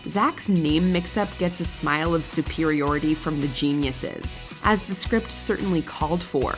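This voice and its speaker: A woman's voice: low-pitched, normal speed. A woman reading scripted narration for a countdown list. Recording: music behind the voice. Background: background music.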